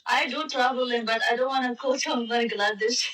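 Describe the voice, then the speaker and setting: A woman's voice: fairly high pitch, fairly even intonation, normal speed, recorded from a distance, over music. A woman chatting casually on a live-stream app, speaking in a playful, teasing manner. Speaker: language exchange chat partner. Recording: echoey and off-mic.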